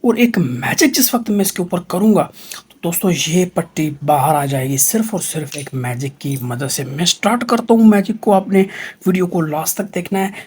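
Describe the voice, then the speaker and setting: A man with a Pakistani accent and a husky, high voice, presenting magic in a showy kids' party magician manner. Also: normal speed, darkish tone. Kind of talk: magic show patter to viewers.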